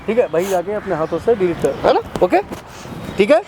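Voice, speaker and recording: A man's voice: high-pitched, very animated, brisk, noisy background. A man playing a smug male office boss who taunts and mocks the people pleading with him. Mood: taunting. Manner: taunting, mocking, dismissive. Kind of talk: scripted street drama skit.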